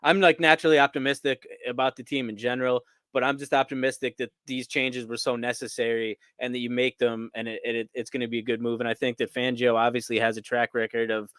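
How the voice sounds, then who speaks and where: A man's voice: medium pitch, level tone, fast talker, hardly any pauses, a bit bright, smooth, no room sound, clean studio sound. A man from Scranton, Pennsylvania, co-hosting a casual sports podcast in an easygoing, upbeat way. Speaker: podcast co-host.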